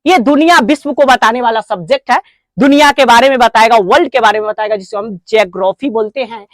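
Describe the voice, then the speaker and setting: A woman's voice: on the high side, no room sound. Indian woman drilling English syllables. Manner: drawn-out, stressed syllable drills. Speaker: spoken English teacher. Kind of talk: classroom lesson.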